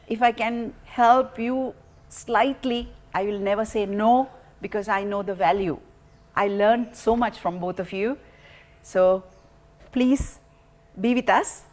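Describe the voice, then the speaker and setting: Slow-speaking Sri Lankan-accented woman presenter. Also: mid-range voice. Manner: emphatic, halting, repeats phrases. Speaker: programme presenter. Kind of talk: earnest unscripted appeal to viewers.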